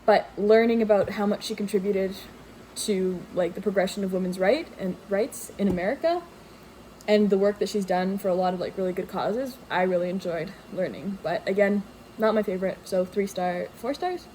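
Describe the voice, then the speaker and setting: A book vlogger from Greece, young and relaxed, talks through books she has read in a rambling review. She leans on fillers and corrects herself now and then. She has a dark, medium-pitched voice at a moderate pace, and a washing machine runs in the home behind a faint hiss or hum.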